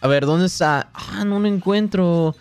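Swaggering young Mexican streamer. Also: male voice, high-pitched, a little slow, smooth, faint music behind. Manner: boastful, joking, swears constantly. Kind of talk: casual gaming livestream.

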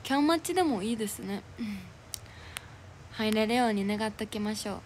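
A woman's voice: mid-range voice, expressive, fairly quick. A young woman with a Kansai accent chatting casually on a livestream, cheerfully reading out and thanking viewers for their comments and gifts. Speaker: idol livestreamer. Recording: noisy livestream audio.

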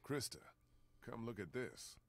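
A man's voice: mid-range voice, sing-song, measured pace, creaky, no echo, full character voice. An actor playing a weary, level-headed, middle-aged male survivor in a naturalistic video game drama. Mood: calm, searching.

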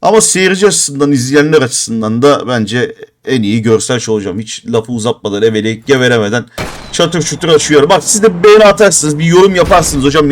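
A man in his thirties streaming a mobile game live, talking casually and growing exasperated and cursing as he goes. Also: a little high. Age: 30s. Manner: frustrated, exasperated, swearing in bursts.

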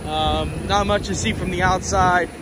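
Guy narrating a fire scene at night, kinda high voice, lots of uhs, super loud traffic noise. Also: fairly even intonation. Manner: halting, many fillers. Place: busy city street at night, outdoors. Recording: loud street and engine noise.

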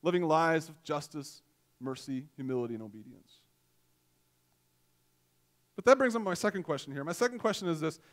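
A man's voice: on the high side, expressive, moderate pace, pauses often. A man in his forties, a pastor, preaching a sermon on a church stage into a headset mic, in a conversational, self-deprecating storytelling way.

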